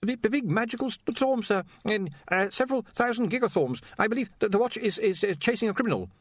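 Jittery young wizard, high-pitched stammerer, dry close sound, done by a male narrator. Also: lively intonation, quick pace, slightly rough, no room sound. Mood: flustered. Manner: stammering, hesitant, full of "uh"s. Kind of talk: audiobook character voice.

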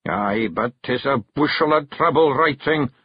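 Brief: male narrator putting on a tiny gruff Scottish fairy warrior, high-pitched, growling and proud, breathy edge. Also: unhurried, dry recording, lo-fi sound. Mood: grumbling. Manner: growling, blustering.

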